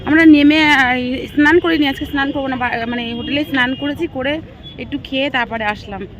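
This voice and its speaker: A woman with a hoarse voice from a cold, chatting straight to her viewers in a casual travel vlog, filmed outdoors on a handheld phone. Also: high voice, normal speed, a bit bright. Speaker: travel vlogger. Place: outdoors, bus stop and beach.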